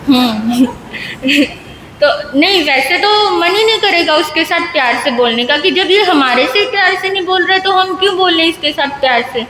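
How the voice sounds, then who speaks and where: A woman with a high voice tells a simple moral story to a seated audience, stopping to ask them questions. She speaks in a large hall with a long echo. A faint hum runs underneath. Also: lively intonation, moderate pace, fairly bright tone. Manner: questions the listeners, simple conversational telling. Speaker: speaker at a religious gathering.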